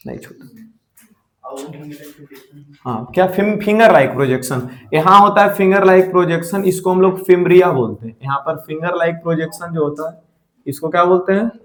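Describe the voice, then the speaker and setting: A man's voice: sits high, normal speed. Chatty male teacher quizzing his class. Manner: asks questions and answers them himself; mixes English terms into Hindi. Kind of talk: classroom biology lesson.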